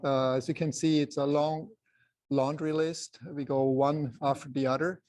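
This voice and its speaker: Speaking to a group about photography in an informal lecture, a soft-voiced Swiss man with a Swiss accent pauses often and talks in halting phrases. His voice is a little high, with little pitch movement.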